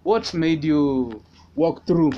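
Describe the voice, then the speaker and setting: A man's voice: fairly high pitch, slow pace. A young man hosting a casual interview. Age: young adult. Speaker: interviewer, host. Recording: muffled audio with background noise.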